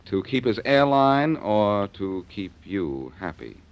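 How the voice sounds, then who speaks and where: The detective lead of an old 1940s radio drama is played by a man in full character voice: fairly low, sing-song and unhurried. He's cocky and wisecracking, sardonic and needling, and the recording sounds dull and dated.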